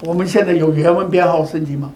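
A man's voice: on the high side, fairly even intonation, quick pace, darkish tone, slight background noise. Older man preaching in an echoey room. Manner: repetitive, rhetorical questions. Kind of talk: sermon.

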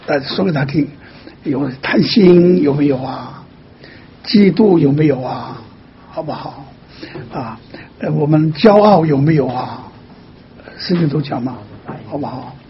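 A man with a slightly high voice counsels a caller in a patient, teaching way. He lays out each point slowly and keeps softly checking in. The sound is muffled and lo-fi. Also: slight background noise. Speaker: pastor answering a caller. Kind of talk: pastoral counseling.

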